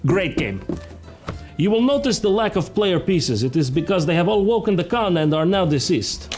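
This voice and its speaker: A man voicing a boastful, deadpan foreign man who solemnly presents his favourite games. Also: sits high, moderate pace, music in the background. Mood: mock-solemn.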